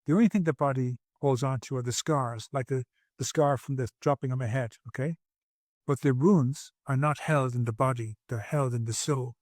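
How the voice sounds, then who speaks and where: A reflective man in his sixties, appearing on a podcast by video call from home, earnestly relates his life story and often begins sentences again. He speaks at a moderate pace in an ordinary pitch with a darkish tone, on a dry recording without echo.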